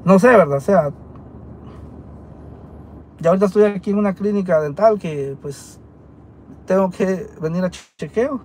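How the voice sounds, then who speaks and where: A Guatemalan man with a high voice talks to camera in a casual way, earnest and on the defensive. He often stops to rephrase, and he sits in a dental clinic with faint noise behind him. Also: moderate pace, long pauses, a little mellow. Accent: Guatemalan Spanish. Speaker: vlogger telling his side. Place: dental clinic waiting area.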